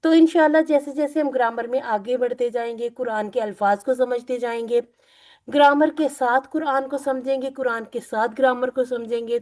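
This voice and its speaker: A woman teacher leading an online Quran and Arabic class, explaining gently and repeating points. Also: fairly high pitch. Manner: gentle, repetitive teaching with religious phrases. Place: online video call.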